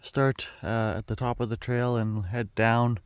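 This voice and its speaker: A man's voice: mid-range voice, level tone, a little slow, clean tone, dry recording. A man hosting a hiking vlog, chatting casually and thinking aloud as he walks a wooded trail with a handheld camera. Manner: chatty, musing aloud with fillers. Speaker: hiking vlogger host. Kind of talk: casual walk-and-talk narration. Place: outdoors on a wooded prairie trail. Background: faint insects and crickets.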